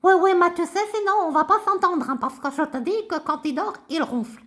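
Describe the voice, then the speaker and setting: A woman voicing an eager, curious little female mouse puppet in a children's lesson, with bouncy, excited questions. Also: very high-pitched, a little fast. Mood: chirpy.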